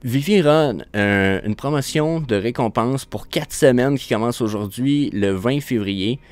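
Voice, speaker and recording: A man's voice: medium pitch, a little slow, a little mellow. A man with a Québécois French accent hosting a show, rambling through casual commentary with frequent stumbles and restarts. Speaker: show host. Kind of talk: casual screen-share commentary.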